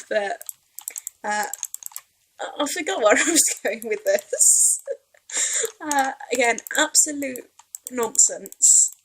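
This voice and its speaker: A young Welsh woman, her accent tinged with Yorkshire, rambles through casual let's play commentary, chatting self-deprecatingly over her gameplay. Her voice is high-pitched and a bit bright, with lively intonation, a slow pace and long pauses, and there's slight background noise.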